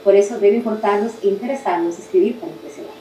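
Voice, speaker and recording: A woman teaching a spelling masterclass over a video call, talking quickly and correcting herself as she explains. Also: mid-range voice, reverberant, a little hiss or hum, low-quality recording. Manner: fast-talking, self-correcting, animated teacher. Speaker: guest instructor.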